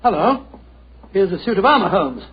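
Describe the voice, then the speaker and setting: An actor playing an excitable older English gentleman doctor in a 1940s radio drama, with a British accent, a gravelly voice and a flustered, blustering manner. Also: high voice, normal speed. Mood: puzzled. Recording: muffled, noisy old 1940s radio recording.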